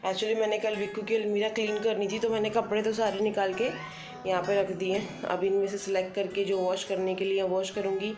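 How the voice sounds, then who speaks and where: A woman's voice: mid-range voice, flat delivery, brisk. A woman in her thirties talks through her day at home in an easy, chatty way, slipping English words into her sentences. Her voice rings a little in an echoey room. Music plays steadily beneath her. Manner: chatty, thinking aloud, mixing in English words. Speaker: homemaker vlogger. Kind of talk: casual daily vlog narration. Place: home kitchen.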